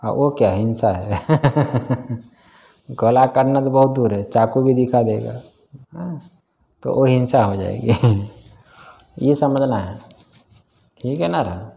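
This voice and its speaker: A man's voice: mid-range voice, slow, vocal fry, pauses often, dark tone, muffled recording. A man teaching a scripture class in a casual way, often quizzing his students and chuckling. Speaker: Vedanta teacher.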